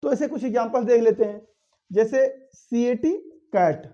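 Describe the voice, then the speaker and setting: A man's voice: extremely high pitch, normal speed, dark tone. Man teaching grammar over lo-fi audio. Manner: explains step by step, asks and answers his own questions. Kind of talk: classroom grammar lesson.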